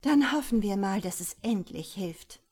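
A woman voicing a domineering, scornful female boss who scolds sharply and loudly. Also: mid-range voice, animated, measured pace, breathy edge. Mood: scolding. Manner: sharp scolding, loud commanding.

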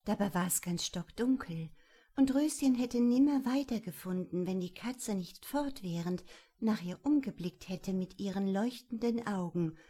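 A woman narrating a children's storybook in a measured, gentle storytelling manner. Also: medium pitch, lively intonation. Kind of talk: storybook reading.

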